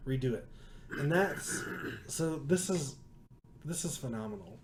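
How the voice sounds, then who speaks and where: A man co-hosting a podcast, telling an animated story in casual chat and laughing often. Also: mid-range voice, a little slow, slight background noise. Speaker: podcast co-host.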